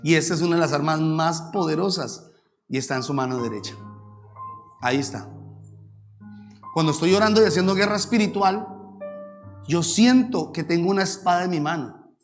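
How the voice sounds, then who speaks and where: A man preaching a sermon as pastor, animated, sometimes acting out shouted prayers. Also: on the high side, normal speed, pauses often, faint music behind.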